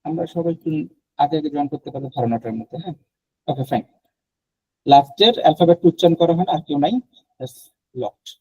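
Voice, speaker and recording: A man's voice: fairly high pitch, lively intonation, a little fast, long pauses, a little mellow, slightly rough, no echo, dull audio. A man from Bangladesh teaching a French class online, explaining patiently and mixing in English phrases.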